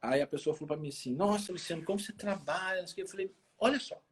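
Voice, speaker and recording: Very fast and husky, with a voice that sits high, this forty-year-old man carries the rural accent of a small town in Minas Gerais, Brazil. He's a health expert guest on a remote social media live video call, chatting casually about his own life through personal stories and repeating phrases for emphasis.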